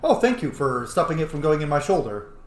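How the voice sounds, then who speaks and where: A man with a fairly high voice and big pitch swings talks briskly as a gaming video host. He gives playful, casual let's-play commentary, muttering informally to himself. He's in an echoey room, and there's faint noise on the recording.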